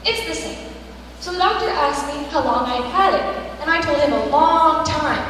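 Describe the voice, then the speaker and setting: A woman's voice: sits high, lively intonation, normal speed, fairly bright tone, a little hiss or hum. A woman playing a fretful, long-engaged showgirl with a cold, whiny and exasperated, in a stage musical. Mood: coaxing. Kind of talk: stage musical acting and singing. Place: school auditorium stage. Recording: echoey hall recording from far off. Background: musical accompaniment.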